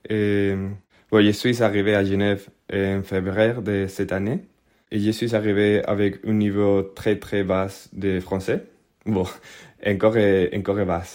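A man's voice: lowish voice, level tone, measured pace, a little mellow. Hesitant Spanish-accented man. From Spain. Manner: hesitant, searching for French words with frequent fillers. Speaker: guest telling a personal story. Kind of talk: casual spoken anecdote.

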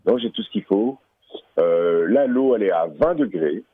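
Husky man rambling over a phone line. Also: sits low, expressive, moderate pace. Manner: distracted, hesitant, commenting on what he sees in the game. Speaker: radio caller playing an in-game character. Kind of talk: in-character phone chat.

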